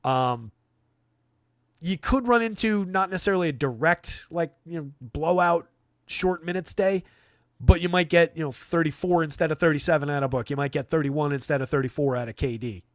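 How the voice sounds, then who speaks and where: On a live fantasy basketball stream, a man with a voice on the high side talks at a normal pace, with no echo. His analysis is improvised and conversational, delivered dryly as he responds to chat.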